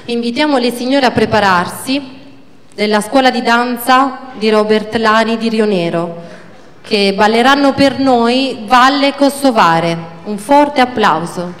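A woman narrating a historical tale and presenting performers at a live cultural event, with a slow, measured reading. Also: on the high side. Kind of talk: storytelling narration and stage presenting. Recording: reverberant hall, faint crowd.

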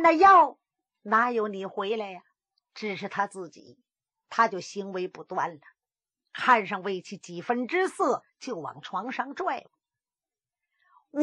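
A woman's voice: a bit bright, no echo, heavily acted. A woman storyteller voicing a scheming young woman who wails and tells a wheedling false story. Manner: wailing, wheedling, shrill accusations.

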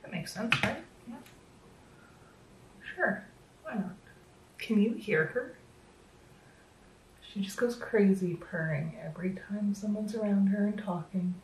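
A little slow and pausing often, a woman in her thirties with a mid-range voice casually talks through a makeup tutorial at home, self-deprecating and filler-laden. Slightly losing her voice, she sounds a bit worn. The small indoor room adds roomy echo, she's a bit far from the mic, and a little hiss or hum is audible.

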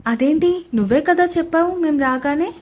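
A woman's voice: sits high, moderate pace, darkish tone, a little hiss or hum, voice pushed up, lightly acted. A woman doing Sandhya, an innocent chatty student. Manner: artless, chatty. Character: young female student, innocent and cheeky.

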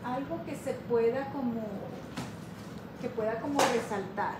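A woman hosting a casual live craft tutorial, chatting warmly with her viewers and reading their comments aloud. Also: a little high, unhurried, very noisy. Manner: chatty, affectionate, calls viewers "my girls", reads comments aloud. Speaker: craft livestream host.

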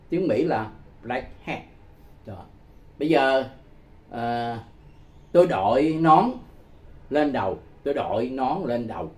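A man giving a casual spoken language lesson, repeating phrases slowly and patiently and chuckling often. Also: mid-range voice. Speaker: English teacher.

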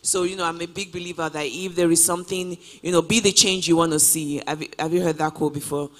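Speaking fast into a handheld mic, this guest traveler in her twenties fields interview questions on a stage in a big auditorium. Her voice sits lowish with a steady tone and a slightly bright edge, and her relaxed, cheerful replies are packed with "you know" fillers.

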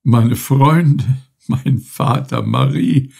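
A man voicing a sick, worn-out young male captain who calls out slowly and with strain. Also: medium pitch, gravelly, a little mellow, slightly rough, pitched above the performer's own voice, exaggerated voice. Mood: weak, emotional.

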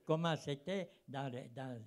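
A man's voice: mid-range voice, measured pace. A man in his eighties with a foreign Swiss German accent in his French, rambling and searching for words as he reminisces into a handheld microphone. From German-speaking Fribourg countryside, Switzerland. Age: 80s. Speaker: audience member, former travelling cinema operator. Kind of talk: reminiscing at a public round table. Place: seated in a cinema auditorium.

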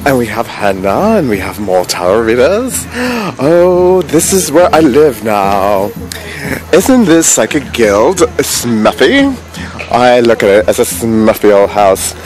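A man's voice: medium pitch, very animated, takes it slowly, darkish tone, soft background music. A middle-aged man speaking in flamboyant, mock-archaic Renaissance fair speech as he hosts a handheld vlog outdoors. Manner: theatrical, flamboyant, mock-archaic courtly wording. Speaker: tarot reader at a Renaissance fair, vlog host. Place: outdoors at a fairground lane with stalls. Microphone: handheld phone at arm's length.

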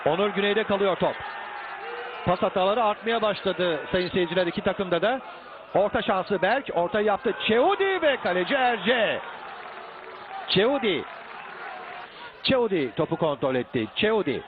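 Male football commentator, high-pitched, excitable play-by-play with raised voice, tinny phone-like sound over light noise. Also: unhurried, long pauses, a crowd in the background. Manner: raises his voice to shouting at attacks. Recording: tinny phone-like band, some outdoor background noise.

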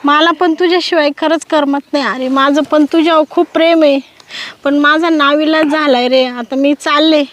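A woman playing a high-voiced coaxing village wife. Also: steady tone, moderate pace, lightly acted. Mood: sad, tender. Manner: coaxing, scolding tenderly. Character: village woman, married, consoling her old love. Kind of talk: Marathi village comedy sketch.

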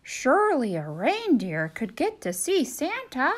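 A woman voicing an anxious, desperate male turkey who gobbles and pleads in a squeaky voice. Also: wildly swooping pitch, a little slow, heavily acted. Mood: pleading.

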